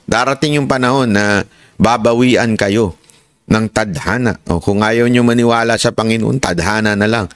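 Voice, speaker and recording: A man's voice: normal speed, no room sound, clean studio sound. A man giving casual political commentary on a live stream, mocking and rhetorical, always asking his listeners whether he is right. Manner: mocking and sarcastic, with sharp jumps in pitch.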